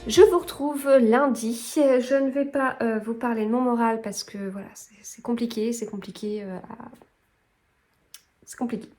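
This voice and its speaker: Chatty woman book vlogger, slightly high voice. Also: steady tone, normal speed, a little mellow, soft background music. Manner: chatty, rambling, self-correcting. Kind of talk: casual book chat.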